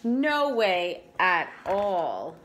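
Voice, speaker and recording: A preschool teacher reading a storybook aloud, pausing to ask the children gentle questions. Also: female voice, on the low side, sing-song, a little hiss or hum.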